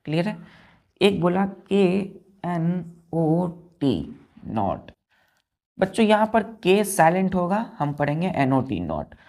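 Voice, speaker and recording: A woman's voice: on the low side, sing-song, slow pace, darkish tone. A woman teaching an English vocabulary lesson to students with an Indian accent, spelling words out letter by letter and often checking whether they follow.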